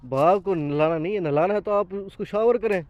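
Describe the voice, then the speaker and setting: A chatty man hosts a casual farm vlog, showing off his orchard as he talks. His voice sits a little high for a man. The outdoor recording sounds dull and lo-fi. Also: darkish tone, dry recording. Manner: chatty, explains while pointing things out. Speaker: farm owner and host.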